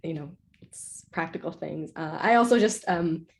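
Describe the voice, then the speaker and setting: Lower-voiced woman composer, chatty. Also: normal speed, gravelly. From Iceland. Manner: chatty, many "like"s and self-corrections. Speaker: composer being interviewed. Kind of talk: casual interview answers.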